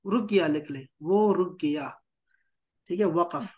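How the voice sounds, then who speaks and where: High-voiced man teaching a translation class. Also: darkish tone, slightly rough, highs cut off. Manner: patient, explains with repeated checks like "theek hai?".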